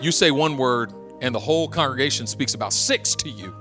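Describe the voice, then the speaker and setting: A male pastor delivers a sermon in an average-pitched voice, easing into a chatty, funny story before pressing his point with urgency. Soft music plays faintly under him. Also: expressive, fairly quick. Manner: conversational, humorous storyteller who builds to urgent exhortation.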